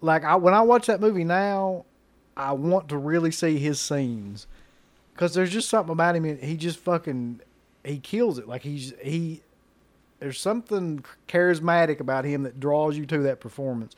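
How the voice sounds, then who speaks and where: A man with a slightly higher voice talks in a laid-back, profane way during a casual chat. He is relaxed and easygoing, with plenty of casual swearing. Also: normal speed. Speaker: podcast co-host. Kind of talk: casual chat about horror films.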